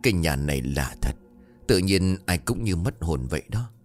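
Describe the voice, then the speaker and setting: A man's voice: deep voice, expressive, moderate pace, faint music behind. A man voicing a stern older mother who scolds her son bluntly.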